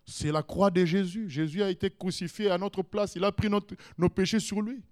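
A man's voice: high-pitched, fairly even intonation, normal speed. A man preaching a sermon in an emphatic way, with sudden rises in his voice.

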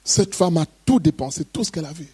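A man delivering a sermon in a fairly high voice. He reads scripture in an even tone, then preaches with emphatic, rising outbursts. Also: fast talker, slightly rough, no echo. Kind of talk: sermon with Bible reading.

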